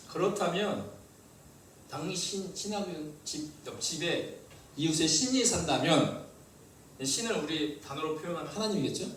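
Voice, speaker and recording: Lively pastor in an echoey church. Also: male voice, fairly high pitch, far from the mic, a little hiss or hum. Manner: lively, asks the congregation questions. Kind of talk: sermon. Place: church hall.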